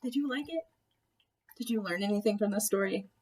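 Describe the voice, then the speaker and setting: A woman teacher reading a storybook aloud to children, expressive and gently engaging with her listeners. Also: medium pitch, fairly quick, a little hiss or hum, low-quality recording.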